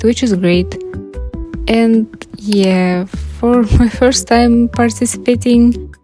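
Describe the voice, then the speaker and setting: A woman's voice: on the high side, dark tone. A young adult woman with a Russian accent, giving casual scripted commentary as the host of an art channel. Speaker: YouTube artist and channel host. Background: background music.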